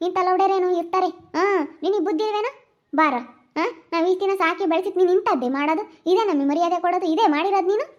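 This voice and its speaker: A woman playing a sharp-tongued village mother with a rural Chitradurga Kannada accent, scolding in a rapid, shrill way. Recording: muffled lo-fi recording.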